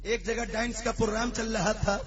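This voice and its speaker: ایک مولانا جو مزاحیہ قصے سنا کر وعظ کرتے ہیں اور جوش میں آ کر بلند آواز سے پکارتے ہیں، سامعین سے جواب بھی منگواتے ہیں۔. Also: male voice, high voice, steady tone, muffled recording. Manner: storytelling, rising to fervent shouted climaxes; urges the audience to respond. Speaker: preacher. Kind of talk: sermon with humorous anecdotes.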